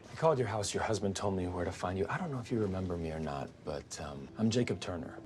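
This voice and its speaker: A man's voice: low voice, expressive, fast, a little mellow, slight background noise. A guarded, earnest young man. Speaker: actor in a romance film. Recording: film audio with music score.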